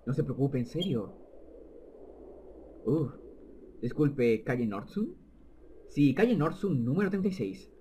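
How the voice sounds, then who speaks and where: A man reading the lines of a terse young woman babysitter in a video game, in a lowered voice. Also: animated, measured pace, long pauses, warm tone, slight background noise, lightly acted. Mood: curt.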